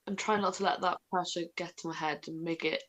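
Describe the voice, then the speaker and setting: A woman's voice: fairly low pitch, steady tone, a little fast, fairly bright tone. A woman singer answering interview questions, giggly and a bit hesitant. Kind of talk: casual interview.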